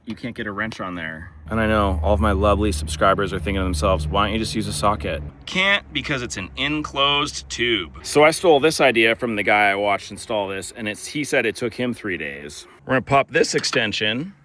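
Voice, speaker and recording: A man's voice: on the low side, animated, fairly quick, hardly any pauses, background noise. A man chatting to viewers in a casual how-to vlog, grumbling with humor while he works outdoors, recorded on a handheld phone. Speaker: DIY vlogger. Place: outdoors on wet grass beside a pickup truck.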